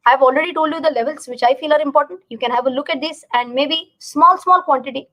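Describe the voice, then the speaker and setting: Woman, Indian accent, high-pitched voice, informal live-stream teaching, repeats key words, checks understanding. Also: fast, a bit bright. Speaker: finance educator hosting a live market explainer.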